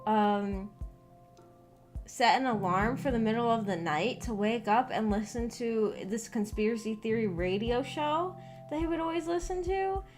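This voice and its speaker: Guitar music plays as a young adult woman chats on her live stream in a slightly high, darkish voice, taking her time. Her talk is casual and rambling, full of hesitation and trailing thoughts.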